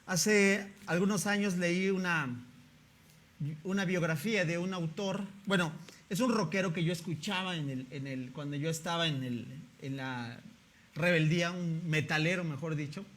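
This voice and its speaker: A man's voice: fairly high pitch, normal speed, a bit bright. A male pastor, preaching a sermon in a conversational way and often asking the congregation rhetorical questions.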